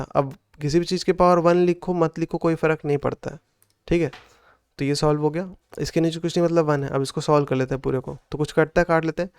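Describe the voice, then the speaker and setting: A man's voice: fairly high pitch, a little mellow, smooth, no echo, clean studio sound. A man tutoring school maths, working through textbook problems step by step, counting out factors aloud and checking in after each step. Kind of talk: solving textbook exercises step by step.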